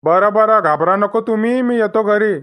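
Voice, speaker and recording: A woman voicing a calm, matter-of-fact middle-aged male village doctor in a cartoon comedy, with a Vidarbha Marathi accent. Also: mid-range voice, normal speed, lightly acted. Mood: businesslike.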